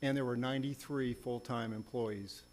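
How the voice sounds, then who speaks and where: A man with a mid-pitched voice presents a formal legal argument as a lawyer in a courtroom. A faint hum sits behind him. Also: fairly even intonation, normal speed, a little mellow. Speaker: lawyer arguing an appeal. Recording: faint hum and background noise.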